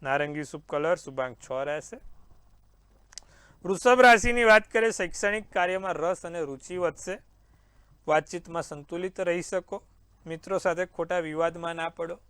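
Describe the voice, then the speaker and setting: A man's voice: fairly high pitch, normal speed, fairly bright tone, smooth, no echo. A man hosting an astrology show, reading daily horoscopes and answering callers with confident reassurance. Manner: confident, reassuring, addresses viewers as sir. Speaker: astrologer host. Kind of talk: horoscope forecast and call-in advice.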